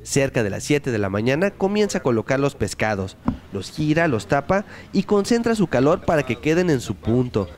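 A man reading a scripted news feature in an upbeat, clear voice. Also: medium pitch, sing-song, moderate pace, a little mellow. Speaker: news reporter.

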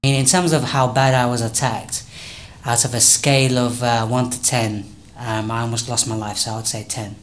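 Quiet, flat-voiced man recounting. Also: medium pitch, normal speed. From England. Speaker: interviewee. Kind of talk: recounting a past attack in an interview. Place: indoors at a youth project.

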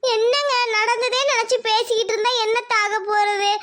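Performer as a fretful village wife in a cartoon, squeaky high voice, coaxing. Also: fairly even intonation, normal speed, sharp tone. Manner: coaxing, scolding. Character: worried village wife and mother.

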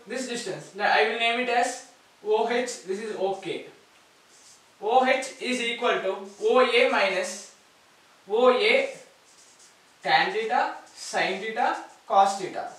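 A man's voice: very high voice, a bit bright. A man with an Indian English accent teaching maths at a board, explaining step by step and repeating key words. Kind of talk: whiteboard lecture. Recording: echoey room, far from mic.

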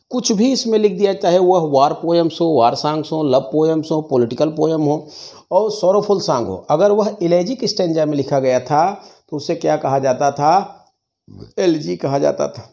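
A man with a slightly high, gravelly, dark voice lectures on English literature in a classroom, blending Hindi and English and answering his own questions. He dictates slowly, repeating key phrases, in a dull, lo-fi recording.

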